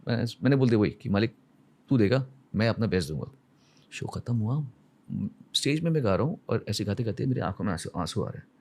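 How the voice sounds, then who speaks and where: A man's voice: mid-range voice, creaky, a little mellow, slightly rough. A man in his fifties from India, a singer and podcast guest, who tells heartfelt stories earnestly and slips into quoted prayers and dialogue. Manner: heartfelt, retells emotional moments with intensity. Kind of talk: reflective podcast storytelling.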